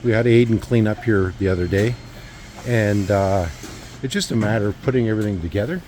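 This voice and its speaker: A man's voice: fairly low pitch, a little fast, a little mellow, a little hiss or hum. A man giving a casual walkthrough of a repair shop, rambling with lots of uhs and restarts. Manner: rambling, filler-heavy, with restarts. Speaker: vlogger giving a shop update.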